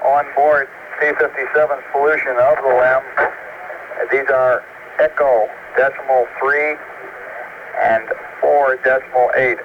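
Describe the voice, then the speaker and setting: Man calling over a crackly radio link. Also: mid-range voice. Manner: measured, spells out numbers digit by digit. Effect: crackly two-way radio transmission. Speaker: mission control radio communicator. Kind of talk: clipped radio procedure callouts. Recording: hissy lo-fi archival radio link.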